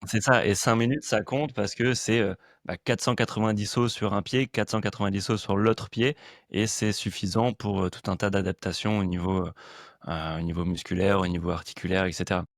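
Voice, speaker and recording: A man's voice: on the low side, steady tone, brisk, dry recording, clean studio sound. A man hosting a casual podcast conversation and coaching, talking in a hesitant, laid-back way with many fillers.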